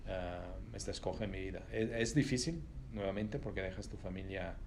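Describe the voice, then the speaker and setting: A middle-aged man, speaking Spanish as an in an interview as a company executive, thoughtful and pausing often with fillers. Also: low voice, a little mellow, slight background noise. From Italy. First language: Italian. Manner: thoughtful, pauses with many fillers and restarts. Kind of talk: reflective interview answers.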